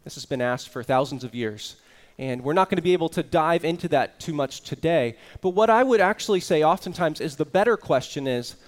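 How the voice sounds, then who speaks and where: A man's voice: on the high side, expressive, a little fast. Earnest man preaching a sermon. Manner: earnest, explanatory preaching with rising emphasis. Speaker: pastor.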